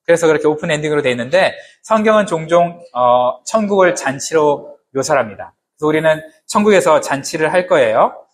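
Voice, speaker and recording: A man's voice: on the high side, expressive, a little fast, few pauses, slight background noise. A man preaching a sermon to his congregation in a conversational way, often asking them questions and adding humorous asides. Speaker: pastor.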